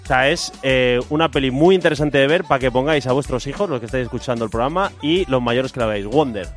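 A man's voice: mid-range voice, faint music behind. A man joking and rambling as a comedian panelist on a radio show, talking into a studio microphone. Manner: jokey, rambling, quick to laugh.

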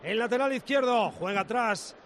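A man's voice: very high-pitched, normal speed, a little hiss or hum. A man calling a live football match on the radio, play by play.

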